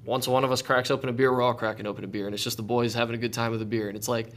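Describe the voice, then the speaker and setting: A man's voice: medium pitch, level tone, very fast, fairly bright tone. A man in his twenties hosting a podcast, talking earnestly and reflectively with lots of "like" fillers. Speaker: podcast host. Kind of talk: casual conversation.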